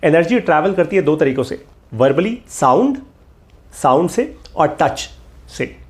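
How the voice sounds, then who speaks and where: With a fairly high, sing-song voice and a measured pace, a middle-aged man leads a motivational course. He speaks emphatically, returns to key lines again and again, and slips in English phrases.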